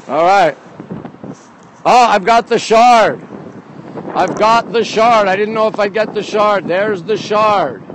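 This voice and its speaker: On a city bridge over a river, a Montreal man livestreams a casual walking tour, talking to viewers in short, excitable bursts and repeating himself. His voice is high, and the windy phone audio is poor, full of wind and light outdoor noise.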